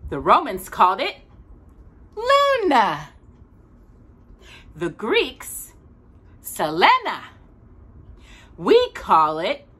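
Bright-voiced and animated, a woman whose voice is a little high and slightly rough reads a children's picture book to a child. She delivers it deliberately and expressively with emphatic word stresses, in a small indoor room full of bookshelves.

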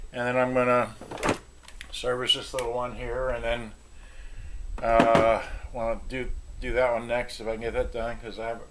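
Here a middle-aged man, voice medium in pitch and slightly bright, offers a casual how-to, rambling and pausing as he works at a cluttered bench at home. He makes hobbyist repair videos and stays off-screen, recorded by a camera mic amid clear home workshop noise.

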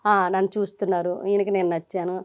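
A middle-aged woman, telling her story as an interview guest in lively bursts and quoting people as she goes. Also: medium pitch, clean tone, highs cut off. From Nellore region, India. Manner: animated, quotes people in quick bursts.

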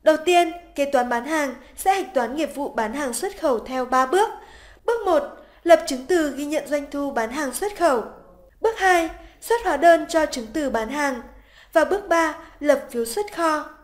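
High-voiced woman narrating a software tutorial. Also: moderate pace. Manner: polite, even, step-by-step instructional. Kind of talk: scripted narration. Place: voice-over over screen recording.

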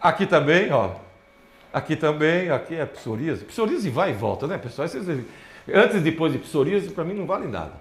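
A man's voice: on the high side, fairly quick. A man giving a lecture to an audience, pointing at slides as he talks. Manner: animated, points at slides with repeated "ó, olha só". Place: lecture hall. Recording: roomy lecture hall.

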